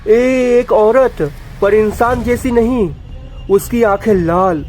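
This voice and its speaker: A panicked young woodcutter gasps and stammers in a high, strained voice, as a man puts him on. The words tumble out breathless and loud over faint background music, full of fear in this storybook horror tale. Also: a little slow. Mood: terrified. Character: terrified young male woodcutter, panting and shaken.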